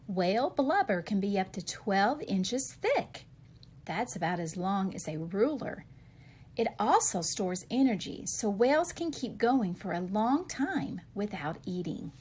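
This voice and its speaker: For an audience of young children, a woman with a medium-pitched, slightly husky voice reads a picture book aloud, expressively answering the questions she poses.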